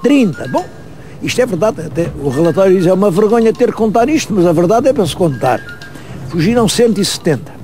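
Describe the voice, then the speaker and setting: Speaking straight to his viewers on location, a history presenter with a European Portuguese accent tells a local story vividly. His high, warm voice is very animated and quick, with faint music playing behind him.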